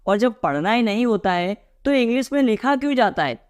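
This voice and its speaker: A young man with an Indian accent teaching a lively lesson, asking his viewers rhetorical questions and calling them guys. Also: extremely high pitch, fairly quick, clean tone. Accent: Indian English. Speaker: English teacher. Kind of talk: classroom lesson.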